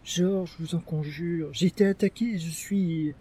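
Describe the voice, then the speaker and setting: A man's voice: fairly high pitch, steady tone, unhurried, warm tone, breathy edge, pitched above the performer's own voice. A man voicing a flamboyant, witty male poet who is anxious and pleading, in a mannered way of talking.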